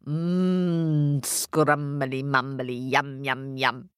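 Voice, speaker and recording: A woman's voice: rumbling low, level tone, very slow, clean tone, no room sound, studio quality, voice pushed down, heavily acted. A woman voicing a greedy, grasping stepmother in a told fairy tale, growling, lip-smacking and demanding.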